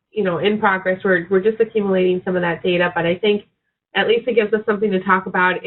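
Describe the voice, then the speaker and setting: A sick woman veterinary researcher with a raspy voice, presenting a webinar with hesitant ums and restarts. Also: mid-range voice. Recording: tinny phone-like webinar audio.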